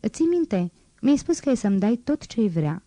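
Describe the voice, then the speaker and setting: A teasing, wistful young street girl speaks in a soft, mellow voice, as a woman reads her part in an audiobook. The sound is close and dry, with no room around it. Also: fairly high pitch, very animated, no room sound, voice pushed up. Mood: coaxing. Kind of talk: audiobook reading.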